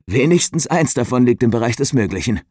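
A man voicing a cheerful, newly engaged young man in an audiobook, excited and joking with his friends. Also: medium pitch, a little fast, breathy edge, no room sound, clean studio sound, voice pushed up.

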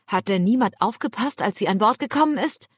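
A woman's voice: mid-range voice, lively intonation, a little fast, slightly rough, no echo, studio quality, pitched above the performer's own voice. A woman doing a weary ship captain. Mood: weary, commanding. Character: weary male ship captain, gruff, commanding.

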